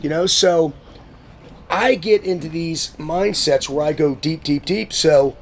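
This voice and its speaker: Animated, swearing man telling stories. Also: fairly high pitch, measured pace, a little hiss or hum. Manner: swearing, animated storyteller who acts out quotes. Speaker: guest, motivational speaker. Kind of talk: casual storytelling conversation.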